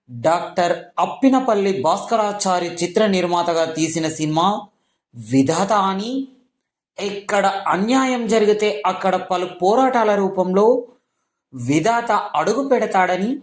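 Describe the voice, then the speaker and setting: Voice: mid-range voice, reverberant. A local news reporter reading a news report in a formal announcing tone, going through long lists of names and titles.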